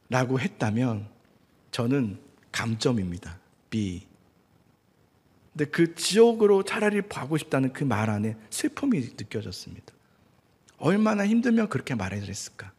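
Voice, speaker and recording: A male pastor preaching a sermon in an animated way, acting out quoted speech. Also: mid-range voice, slightly rough. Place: church sanctuary. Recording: church hall reverb.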